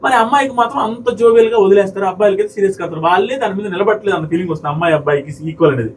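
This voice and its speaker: A man's voice: high voice, racing, distant mic, poor audio. A man giving heated, argumentative commentary on a reality show episode and acting out the people he quotes. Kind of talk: fast opinionated commentary to viewers.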